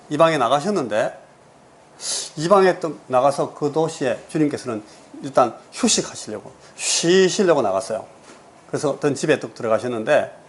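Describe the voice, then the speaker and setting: A man's voice: medium pitch, slight background noise. A man preaching as a pastor, retelling a passage as a story and explaining it to the congregation. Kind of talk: expository sermon.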